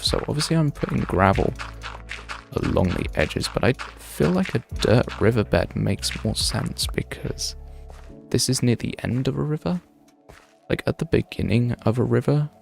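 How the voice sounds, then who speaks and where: A young game streamer in his twenties has a lowish, gravelly voice. He chats casually on his livestream while playing, thinking aloud and drifting from one tangent to the next.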